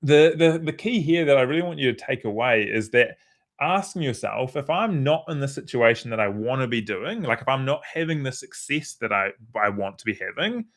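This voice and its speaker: A man's voice: mid-range voice, lively intonation, brisk, fairly bright tone. A man who works as a performance coach, giving a conversational live online workshop and acting out quoted inner voices. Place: seated at a desk.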